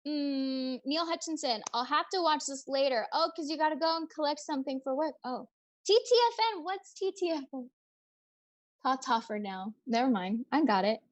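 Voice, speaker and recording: A young woman hosting a casual livestream, chatting brightly and reading out viewer comments and questions. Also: sits high, normal speed. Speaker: livestream host.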